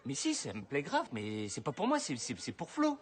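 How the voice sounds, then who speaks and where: An actor playing a flustered young groom who stammers in disbelief. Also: male voice, a little high, huge pitch swings, normal speed, a little hiss or hum.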